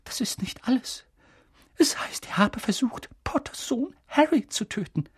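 A reader voicing a stern older female witch professor, high-pitched and urgent, with a husky edge. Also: very animated, moderate pace, dry recording, clean studio sound. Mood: shaken. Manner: urgent, pressing, high and insistent.

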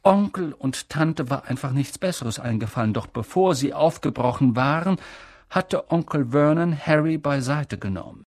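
A man reading a children's novel aloud in measured, expressive storytelling. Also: fairly high pitch, no room sound, studio quality. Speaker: audiobook reader. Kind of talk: scripted storybook narration.

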